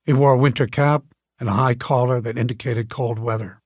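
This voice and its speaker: Husky male audiobook narrator. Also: medium pitch, fairly even intonation, darkish tone, no echo, studio quality. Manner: measured storytelling. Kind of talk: scripted narration.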